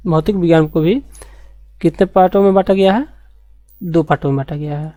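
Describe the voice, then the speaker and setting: Woman teacher going over science basics, lowish mellow voice, dry close sound, keeps repeating words and asking questions. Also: no echo. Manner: repeats key terms slowly, asks rhetorical questions. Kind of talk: classroom lecture.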